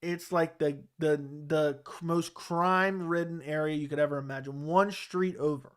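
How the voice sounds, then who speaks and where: Here the Baltimore-accented chat host sounds on the high side, with fairly even intonation, a moderate pace and a clean tone. The young man answers viewers' comments in a rambling manner, restarting and filling pauses.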